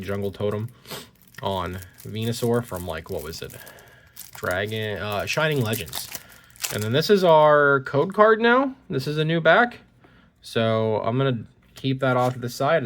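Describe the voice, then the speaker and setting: Slightly stuffy from a cold, a man with a mid-range, somewhat bright voice chats casually as he opens trading cards and reads their text out loud. It was recorded on a phone from a point-of-view angle.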